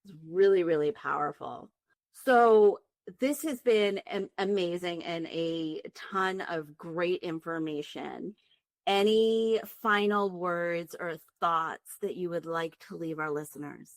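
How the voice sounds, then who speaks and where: A woman hosting a wellness podcast interview, appreciative and smoothly guiding the talk. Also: fairly low pitch, takes it slowly, no room sound. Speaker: podcast host.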